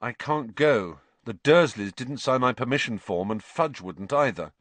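A man's voice: mid-range voice, lively intonation, unhurried, a bit bright, no echo, voice pushed up. Man playing glum schoolboy Harry. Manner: heavy, bitter. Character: glum, resigned teenage schoolboy wizard.

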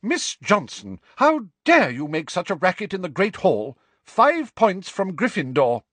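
A man voicing a stern older female school professor with a sharp, scolding manner in a storybook. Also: medium pitch, sing-song, a little slow, husky, dry recording, voice pushed up, full character voice.

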